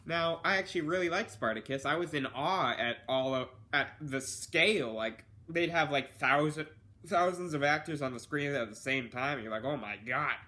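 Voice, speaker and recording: Offhand, rambling young man with a bright voice. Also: on the high side, normal speed. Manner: rambling, offhand, with fillers and self-corrections. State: has hiccups. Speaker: film reviewer. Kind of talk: casual video review.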